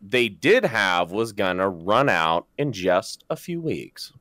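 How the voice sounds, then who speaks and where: A man's voice: lowish voice, big pitch swings, slow, fairly bright tone, no room sound, clean studio sound. A man co-hosting a casual podcast, reading a history script aloud while joking around and laughing. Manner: joking, laughs often, stumbles over the script.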